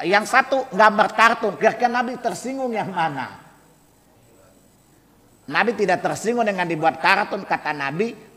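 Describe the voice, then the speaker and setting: In a reverberant mosque hall, a man with a bright, high-pitched voice delivers a sermon. He keeps challenging listeners through repeated rhetorical questions, and the long echo of the hall lingers on every line.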